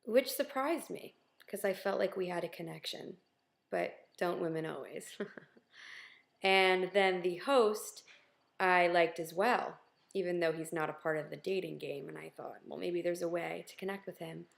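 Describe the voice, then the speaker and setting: A woman's voice: fairly low pitch, moderate pace, creaky. A woman talking candidly to her viewers in a casual video diary, with lots of ums and wry self-deprecation. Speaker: vlogger.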